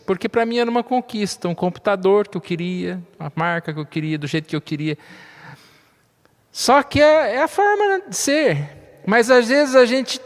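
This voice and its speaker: Male pastor, fairly high voice, conversational sermon with light jokes, long church reverb. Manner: conversational, frequent tag questions, light humor.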